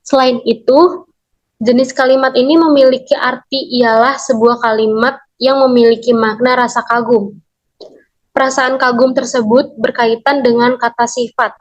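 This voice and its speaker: A young woman, a university student, reading a lesson summary aloud in a steady, list-like way, numbering each point. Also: fairly high pitch, normal speed, rough recording. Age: young adult.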